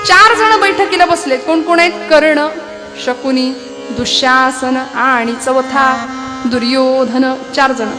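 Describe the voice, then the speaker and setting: A woman preacher giving a devotional sermon with storytelling. She speaks in a lively way and keeps asking the audience rhetorical questions. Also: high voice, takes it slowly. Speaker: kirtan preacher. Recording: accompanying music behind the voice.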